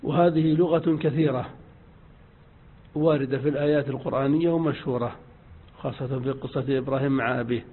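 A man teaching an Arabic grammar lesson, repeating his examples slowly and drawing them out. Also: medium pitch, fairly even intonation, breathy edge. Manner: slow, drawn-out repetition of examples. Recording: tinny phone-like audio.

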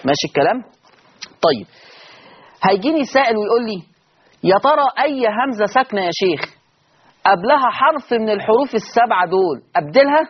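A man with an Egyptian Arabic accent gives a fast-moving recitation lesson in a fairly high, husky voice. He drills each point by repeating it and answers his own questions. The recording is dull and lo-fi. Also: very animated. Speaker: Quran recitation teacher. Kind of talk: didactic lesson.

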